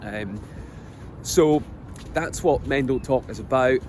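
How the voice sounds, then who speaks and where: A man's voice: medium pitch, darkish tone. Earnest Scottish man outdoors, traffic behind. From Scotland. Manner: hesitant, many pauses and ums, earnest. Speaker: vlogger. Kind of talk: reflective personal monologue. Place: outdoors on a coast. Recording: outdoor recording with background noise. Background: outdoor noise, passing vehicles.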